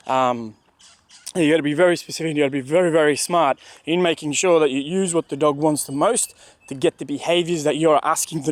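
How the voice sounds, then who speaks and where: A man's voice: a little high, no room sound. A man giving casual, emphatic dog training advice, repeating his points and acting out what the dog thinks. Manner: emphatic, repeats points, acts out the dog's thoughts. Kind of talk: casual instructional talk. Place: outdoors at a dog park.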